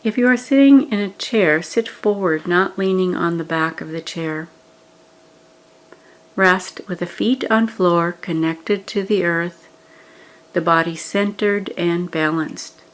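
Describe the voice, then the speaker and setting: A woman leading a guided meditation, giving scripted instructions in a gentle, measured manner with pauses. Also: on the low side, low-quality recording.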